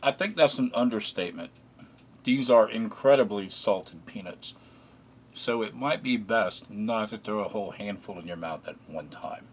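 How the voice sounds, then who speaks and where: Chatty low-voiced man reviewing food. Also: breathy edge. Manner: relaxed, chatty, halting with fillers. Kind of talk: casual taste-test narration.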